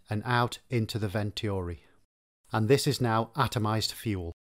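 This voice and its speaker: A man narrating a repair tutorial, explaining engine workings in a steady, methodical way. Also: mid-range voice. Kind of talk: scripted instructional narration.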